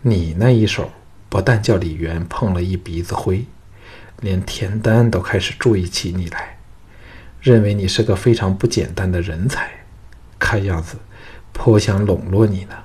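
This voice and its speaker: Audiobook role: coquettish young woman, playful and teasing, read by a man in a low, husky voice. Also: moderate pace, a little mellow.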